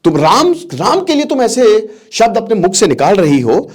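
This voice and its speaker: A man voicing a proud young queen who answers back with indignant, sharp retorts. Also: high voice, big pitch swings, brisk, husky, full character voice. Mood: angry. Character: proud young queen, loyal and quick to anger.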